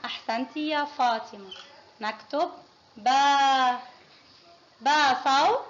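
Female kindergarten teacher, high voice, patient and encouraging, classroom recording with a dull muffled sound. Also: takes it slowly, a bit bright. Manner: patient, praising, quizzing pupils one by one. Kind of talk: classroom phonics lesson. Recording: muffled lo-fi with faint noise.

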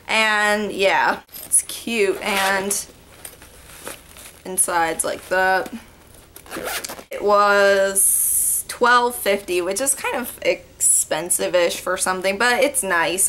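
A young woman talks straight into her webcam in a small bedroom, loose and rambling, her speech full of little fillers. Her tone is bright and crisp, sitting at an ordinary pitch. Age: young adult. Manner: chatty, rambling, lots of "like" and "yeah". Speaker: beauty vlogger. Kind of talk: casual haul vlog. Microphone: webcam in front of her.

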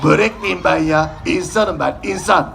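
A man's voice: a little high, moderate pace, creaky, a bit bright, some chatter behind, a little hiss or hum. A man voicing a grumpy, exasperated bearded man in a shadow puppet show, scolding the child.

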